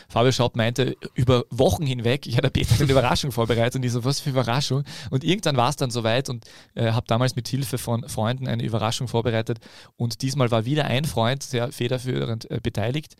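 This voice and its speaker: Quick-talking Austrian podcast host. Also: male voice, mid-range voice, fairly even intonation, no room sound, studio quality. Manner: hesitant, frequent filler sounds. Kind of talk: casual podcast chat.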